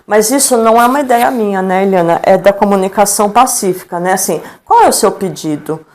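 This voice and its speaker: On a live-stream interview, a middle-aged educator with a Brazilian Portuguese accent talks fairly quickly at a medium pitch. Her storytelling is lively, she voices the people she quotes, and tag questions come up often.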